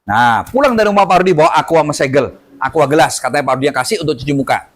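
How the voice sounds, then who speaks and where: Quick, fairly high-voiced middle-aged male healer, animated storyteller. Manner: animated storyteller acting out dialogue. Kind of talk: storytelling testimony.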